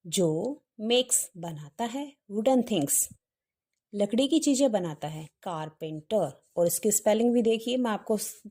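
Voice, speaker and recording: A woman's voice: mid-range voice, mellow. A woman teacher patiently walking students through a workbook exercise step by step, asking rhetorical questions. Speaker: English teacher.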